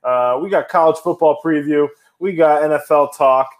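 Young male co-host with a somewhat high voice, casual and excitable, breaks into shouts. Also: moderate pace. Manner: excitable, laughs often, bursts into shouts. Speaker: podcast co-host. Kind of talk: casual sports talk.

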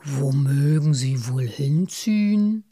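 A woman voicing a calm, thoughtful male gnome in a storybook reading, speaking low, slow and quiet. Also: slightly rough, full character voice. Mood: measured.

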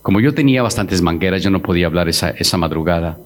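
Man, pastor, very deep voice, slow solemn church testimony, emotional quoting. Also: lively intonation. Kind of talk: testimony sermon.

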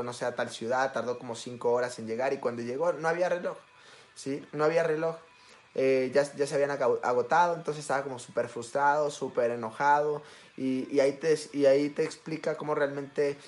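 A young Mexican man with a Mexican Spanish accent giving a casual motivational talk, talking fast and often checking in with the listener. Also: on the high side. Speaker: self-help speaker.

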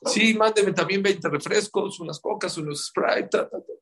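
A man's voice: high voice, normal speed, fairly bright tone, husky, voice pushed up. A man voicing a cheerful male rabbi teacher who jokes with his pupils in a story. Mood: playful.

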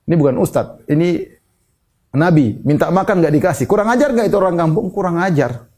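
A man giving an Islamic sermon in speech, teaching in a lively way, acting out quoted people and reciting Quran verses. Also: on the high side, brisk. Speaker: Islamic preacher.

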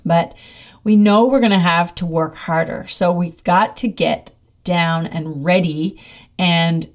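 A woman's voice: fairly low pitch, steady tone, takes it slowly. A middle-aged woman talking casually in a monologue, upbeat and chatty, often laughing as she speaks.

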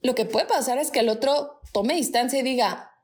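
Woman hosting an advice podcast, high voice. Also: normal speed. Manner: warm conversational, acts out quoted voices. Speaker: podcast host. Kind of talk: casual advice talk.

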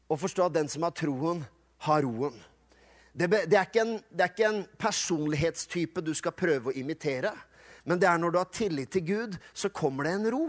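Man, high voice, pastor preaching, lively and humorous, acts out quotes. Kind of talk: sermon.

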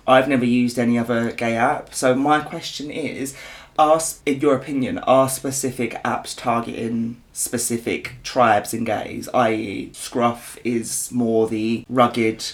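A man's voice: mid-range voice, steady tone, slow pace. Blunt, teasing British man. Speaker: podcast co-host. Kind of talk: casual chat.

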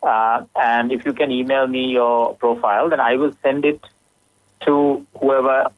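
A hotel worker taking a phone call, polite, patient and matter-of-fact. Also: male voice, medium pitch, steady tone, unhurried. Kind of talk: phone conversation.

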